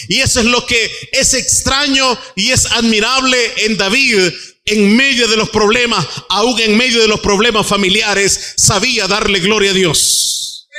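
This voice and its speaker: A male pastor preaching a fervent sermon in a church, now and then rising to shouts. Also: sits high. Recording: long church hall reverb.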